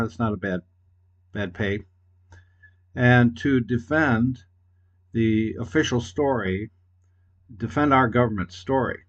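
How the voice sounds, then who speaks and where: A man leaving a long, hesitant voicemail over a landline phone, stopping often with fillers. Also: lowish voice. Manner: hesitant, halting, many fillers. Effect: heard over a landline phone. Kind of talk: rambling phone message. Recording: muffled phone-line audio.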